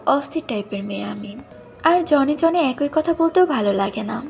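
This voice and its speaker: A woman's voice: sits high, animated, moderate pace, gravelly, darkish tone. A woman narrating a story in the first person, reading in a plain conversational way. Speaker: audiobook narrator.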